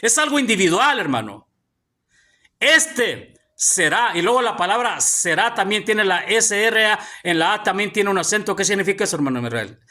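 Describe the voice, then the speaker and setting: A man's voice: high-pitched, lively intonation, a little fast, few pauses, sharp tone. A male pastor preaching a sermon to his congregation in a church hall, constantly calling out to his brothers. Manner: preaching with frequent calls of "hermano" to the congregation.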